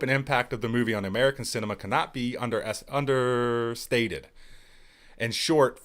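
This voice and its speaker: A man's voice: on the low side, a bit bright. A man in his thirties hosting a casual live podcast, sarcastic and joking, swearing freely. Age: 30s. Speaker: podcast host.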